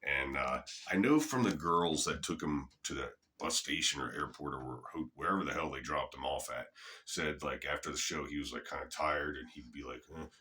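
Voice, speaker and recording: A man's voice: very deep voice, moderate pace, bright, forceful tone, a little hiss or hum. A middle-aged man telling a rambling, casual story to camera, swearing freely. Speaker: channel host.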